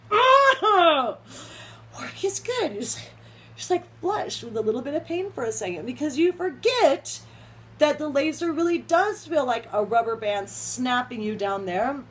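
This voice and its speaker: A woman's voice: high voice, slight background noise. A young adult woman in a rambling, casual vlog rant, laughing often as she talks. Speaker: vlogger.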